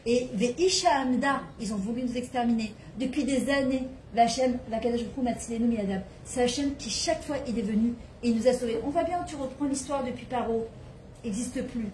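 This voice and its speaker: Brief: woman, high voice, fervent spiritual teacher, roomy echo in a home. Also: brisk, darkish tone, slight background noise. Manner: impassioned, rhetorical questions. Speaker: religious women's teacher. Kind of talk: spiritual talk to a women's gathering. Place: private home.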